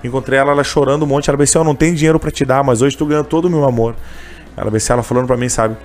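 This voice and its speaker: A man's voice: medium pitch, fairly even intonation, rapid-fire. A man telling a personal story in a casual interview, emotional and full of fillers. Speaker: interviewee, candy seller who sings on trains.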